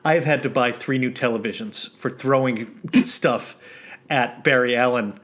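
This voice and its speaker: A man co-hosting a podcast in casual chat, deliberate and hesitant, with many fillers. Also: mid-range voice, a bit bright. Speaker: podcast co-host.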